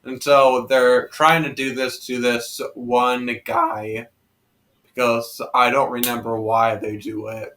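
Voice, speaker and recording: Slow, hesitant young man, bright voice. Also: medium pitch, level tone. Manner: hesitant, halting, stumbling. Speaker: co-host. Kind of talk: casual film review chat.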